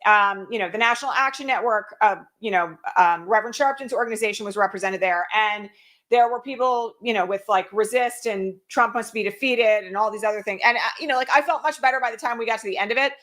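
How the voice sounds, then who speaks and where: A middle-aged woman hosting an online broadcast, telling a story in a casual, animated way with lots of fillers. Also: on the high side, fast talker. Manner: animated, heavy use of fillers like "like" and "um"; voice rises sharply when quoting shouted words. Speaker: host.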